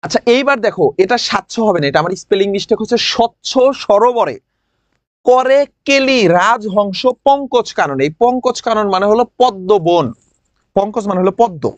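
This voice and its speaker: A male teacher explains a poem line by line for exam students. He talks in a lively, dramatic way and keeps asking questions. The recording is dry and close, with no room sound. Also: high-pitched, a little fast, no echo. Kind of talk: exam-prep poetry lesson.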